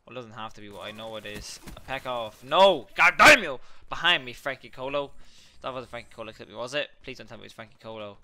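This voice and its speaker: Young male gamer, bright voice, rambling excitable play-by-play with swearing, faint hiss and clicks. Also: mid-range voice, fast. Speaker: gaming channel host. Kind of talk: live gameplay commentary.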